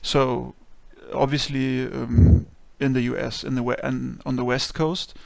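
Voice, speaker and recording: Gravelly-voiced man interviewing casually. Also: mid-range voice, flat delivery, a little slow, darkish tone, dry recording. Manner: friendly, hesitant questions with many ums.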